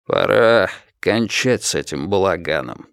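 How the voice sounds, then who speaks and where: A man voicing a calm, powerful corporal who speaks low, quietly and unhurriedly. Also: slow, gravelly, no room sound, studio quality, exaggerated voice. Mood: calm menace. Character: calm, powerful male corporal, mysterious soldier.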